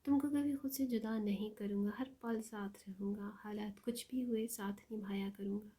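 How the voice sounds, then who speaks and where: A woman voicing a devoted young husband in an audio story, speaking softly and lovingly. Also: medium pitch, steady tone, lightly acted. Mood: tender. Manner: soft, loving, poetic.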